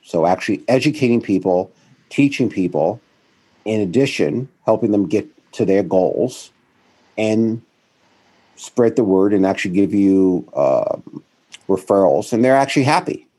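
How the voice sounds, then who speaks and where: Unhurried and fairly low-pitched, a middle-aged man, founder of a financial firm, shares his career story as an interview guest. He wanders, corrects himself as he goes, and becomes animated when repeating what others said.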